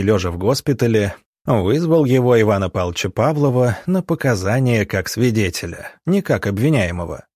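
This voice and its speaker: A man narrating an audiobook in a measured, dramatic reading style. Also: medium pitch, a little mellow, no room sound, studio quality. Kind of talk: scripted narration.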